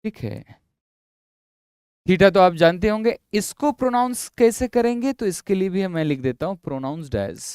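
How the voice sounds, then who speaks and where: A man teaching physics in a classroom lecture. He explains slowly and repeats himself, coaxing his students along. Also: sits high, expressive, darkish tone, clean tone, dry recording, studio quality. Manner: drawn-out, repetitive explaining, coaxing students with "yaar" and "bhai".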